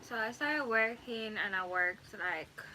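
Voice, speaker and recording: A woman's voice: on the high side, measured pace, slight background noise, poor audio. A young woman from Jamaica chatting casually and rambling on her first live stream from home, correcting herself as she goes. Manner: rambling, relaxed, self-correcting. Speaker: YouTuber. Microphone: phone. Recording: faint background ambience.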